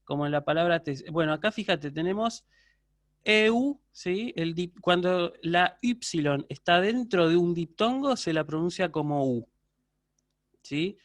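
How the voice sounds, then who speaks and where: A university lecturer with an Argentine Spanish accent teaches an online class in a high-sitting, expressive voice, speaking a touch slowly. He explains patiently, constantly confirms students are keeping up, and fields their questions live, all in clean, echo-free studio sound.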